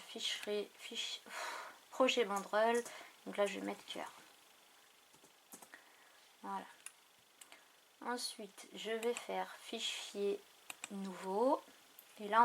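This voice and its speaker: A woman hosting a craft tutorial, thinking aloud in an unhurried way with many fillers as she works on a computer. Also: medium pitch, slight background noise. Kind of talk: casual screen tutorial narration. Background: mouse clicks.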